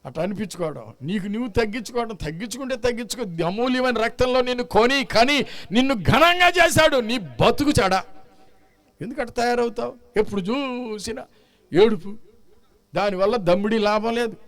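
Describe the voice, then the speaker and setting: A man's voice: extremely high pitch, expressive, fairly quick, fairly bright tone. A male pastor preaching a sermon, scolding and mocking his listeners with one rhetorical question after another.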